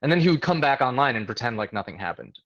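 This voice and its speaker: A man from the New York area, a tech hiring manager appearing as an interview guest, recounts a job interview casually and conversationally, with frequent fillers and restarts. His mid-range voice is sing-song, fast and fairly bright, captured with lo-fi sound.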